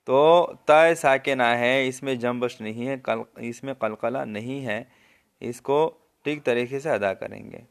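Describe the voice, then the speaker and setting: A man with a Pakistani Urdu accent teaching tajweed, explaining the rules and then reciting the verses slowly in a raised, melodic voice, often checking whether the listener understood. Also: mid-range voice, creaky, clear, resonant tone. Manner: asks the listener if they understood. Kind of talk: tajweed lesson with slow demonstration recitation.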